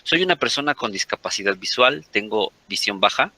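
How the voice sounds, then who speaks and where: A man's voice: fairly low pitch, animated, brisk, sharp tone. A Mexican man in his forties, a guest in a conversational interview, rambling and often correcting himself mid-sentence. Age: 40s.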